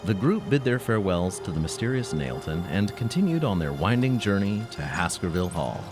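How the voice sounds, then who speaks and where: Over music, a low-voiced man with big swings in pitch narrates and hosts a comic audio drama at a fairly quick pace. His delivery is scripted, covering both the story and announcements.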